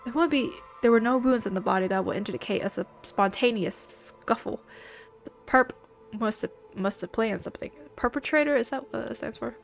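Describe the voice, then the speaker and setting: A woman plays a game and reads its dialogue aloud, dropping playful comments in between, her voice stuffy from allergies. She's a let's-play gamer with a fairly high, gravelly voice and a fairly quick pace, with faint music behind her.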